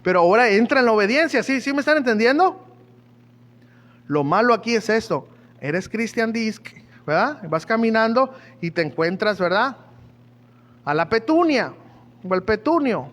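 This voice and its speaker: A man's voice: sits high, expressive, normal speed, fairly bright tone. A man preaching a sermon in a chatty, joking way, often asking his listeners questions. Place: church hall. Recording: echoey church hall.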